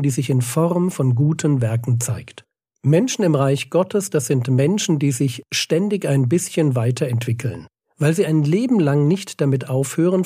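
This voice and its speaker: A man's voice: on the high side, mellow, husky, dry recording, studio quality. A man teaching the Bible on a podcast in an earnest, emphatic way, reading scripture passages aloud.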